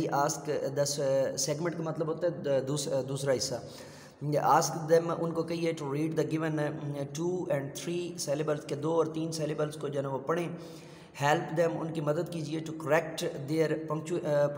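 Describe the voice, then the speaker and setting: A middle-aged male teacher slowly explains a kindergarten English textbook, switching between two languages, using many fillers and spelling words out letter by letter. His voice is fairly high and a little mellow, in an echoey room with long reverb.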